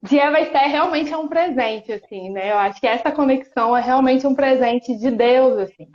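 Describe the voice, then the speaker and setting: A woman in her thirties from Espírito Santo, Brazil, speaks Brazilian Portuguese with a local accent as a guest in a casual live-stream chat. Her voice sits high and is a little mellow, and she talks earnestly and reflectively, with frequent pauses and restarts. She's on a phone or laptop over a video call, and the audio is roomy and dull.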